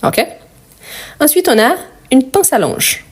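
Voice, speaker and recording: A woman's voice: high voice, very animated, slightly rough. Patient woman teaching French grammar. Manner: patient, repeats each word slowly and asks questions. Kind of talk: live online language lesson.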